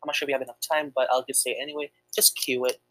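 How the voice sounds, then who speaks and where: A woman's voice: extremely low pitch, flat delivery, racing, fairly bright tone, low-quality recording. A young woman co-hosting a casual podcast, chatty and hesitant, with lots of fillers. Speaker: podcast co-host. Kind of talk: casual chat game with a friend.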